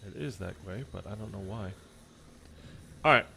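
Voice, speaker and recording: With a fairly low voice and noticeable vocal fry, a gaming streamer chats at normal speed through a zombies game over background noise. He sounds stuffy and congested, rambling casually with lots of fillers.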